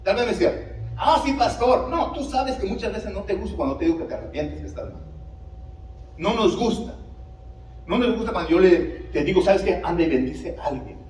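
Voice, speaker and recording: A man preaching a sermon as pastor, in an animated style with rhetorical questions to the congregation. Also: sits high, brisk, echoey room, far from the mic, poor audio. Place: church sanctuary.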